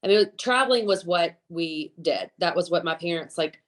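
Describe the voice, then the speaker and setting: A chef from Alabama, speaking with a Southern US accent, is a guest on a casual podcast conversation, talkative and emphatic about her views. Her voice sits on the low side, expressive, at a moderate pace.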